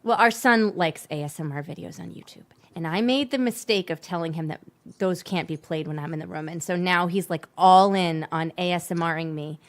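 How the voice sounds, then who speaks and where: A woman with a touch of vocal fry, chatting casually and animatedly as co-host. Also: lowish voice, fairly quick. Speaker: music teacher and co-host. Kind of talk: casual chat.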